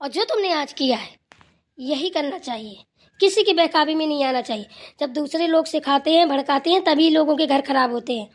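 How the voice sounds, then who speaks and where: A woman's voice: sits high, lively intonation, fairly quick. A woman voicing a stern, wise old grandmother in a cartoon who scolds and lectures the family. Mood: lecturing. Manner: scolding, then lecturing with advice. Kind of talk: cartoon voice acting.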